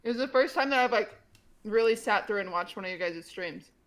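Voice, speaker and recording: A woman's voice: mid-range voice, expressive, a little fast. A woman chatting casually on a group stream, gossiping and laughing often. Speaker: streamer co-host.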